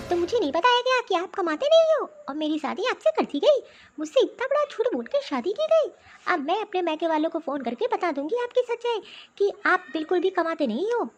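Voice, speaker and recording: A woman voicing a sharp-tongued, defiant young daughter-in-law in a cartoon story. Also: high-pitched. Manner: talking back, defiant.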